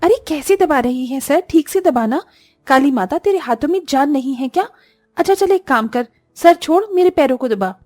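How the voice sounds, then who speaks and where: A harsh, commanding sister-in-law, put on by a woman storyteller, barking orders in a high, sharp voice. The recording is close and dry, with no room sound. It suits an animated family storybook. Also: normal speed, no room sound. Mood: scolding. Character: bossy domineering young sister-in-law, scolding.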